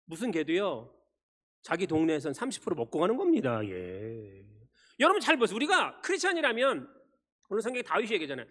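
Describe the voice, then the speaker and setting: A male pastor preaching a Sunday sermon, firing rhetorical questions at the congregation and swinging between loud emphasis and quiet asides. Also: high-pitched, wildly swooping pitch, a little fast. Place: church sanctuary. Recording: long church reverb.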